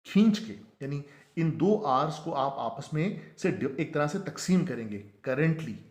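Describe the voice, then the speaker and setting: Man teaching slowly in an echoey room. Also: fairly high pitch. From Pakistan. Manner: slows right down to spell out each word. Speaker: pronunciation teacher. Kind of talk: explanatory lesson.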